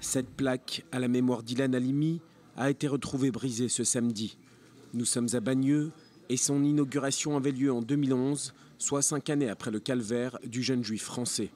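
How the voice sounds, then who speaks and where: A man's voice: medium pitch, fairly even intonation, normal speed, dark tone. A man with a middle-register voice narrates a scripted news report. He speaks as a reporter delivering a prepared package.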